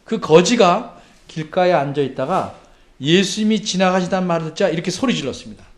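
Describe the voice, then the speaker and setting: Dramatic high-voiced male preacher. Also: animated, fairly quick. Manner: dramatic preaching, swings from loud cries to hushed asides; reads scripture aloud and acts out quoted cries. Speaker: pastor. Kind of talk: sermon.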